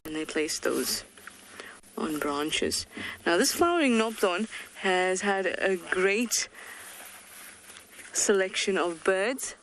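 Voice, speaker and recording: A woman's voice: mid-range voice, expressive, slow pace, long pauses, a bit bright, slight background noise. Chatty woman safari guide out in the bush, playful, medium voice. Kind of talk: live wildlife commentary. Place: outdoors in the bush.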